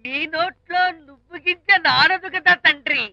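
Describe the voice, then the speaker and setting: An actor playing a meddling, gossipy comic friend in a film scene, quoting proverbs. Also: male voice, very high voice, moderate pace, gravelly, bright, forceful tone, dry recording, dull audio, full character voice. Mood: teasing. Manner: sing-song, proverb-quoting. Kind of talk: Telugu film comedy dialogue.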